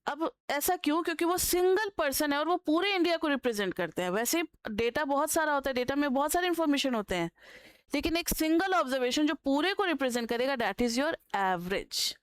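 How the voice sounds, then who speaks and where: An economics tutor with an Indian accent teaches an online class, explaining step by step, quizzing students, and dictating notes word by word. Her voice is high, expressive, and brisk, with no echo.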